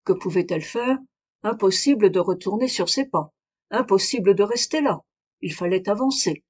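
A woman reading a calm, measured detective. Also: medium pitch, slightly rough. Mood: explaining. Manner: measured, explanatory. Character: calm, sharp male detective explaining a deduction.

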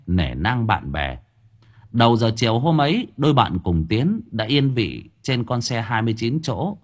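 Male audiobook narrator; husky, animated, wry comic storytelling. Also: on the low side.

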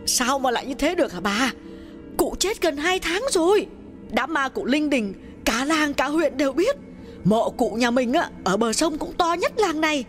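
A woman's voice: fairly high pitch, animated, fairly quick, soft background music, close to an everyday voice. A woman voicing an anxious, curious young village woman in an audiobook, pressing with questions. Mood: alarmed. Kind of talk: audiobook dialogue reading.

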